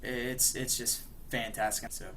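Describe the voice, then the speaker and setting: A young man on a podcast recaps a cartoon episode at length, rambling and filling gaps with "like" and "you know". His voice is bright and clear, at an ordinary pitch. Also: flat delivery, measured pace, a little hiss or hum. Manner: rambling, many fillers and 'like'. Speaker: podcast co-host. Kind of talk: casual chat, retelling a cartoon episode.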